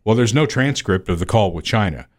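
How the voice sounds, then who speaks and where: Low-voiced man co-hosting a podcast. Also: animated. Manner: drawn-out, conversational, with fillers. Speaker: podcast co-host. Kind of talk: casual political chat.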